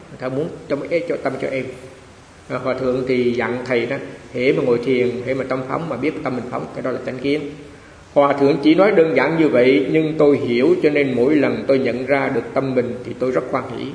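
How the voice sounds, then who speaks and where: A man's voice: mid-range voice, vocal fry, darkish tone. A man, a monk giving a Dharma talk in a chatty storytelling way, often repeating phrases. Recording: echoey hall with faint hiss.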